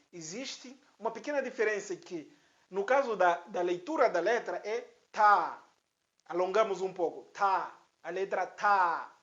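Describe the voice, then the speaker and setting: A woman teaching an Arabic alphabet lesson step by step, repeating each syllable slowly for learners to echo. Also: medium pitch. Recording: dull lo-fi sound.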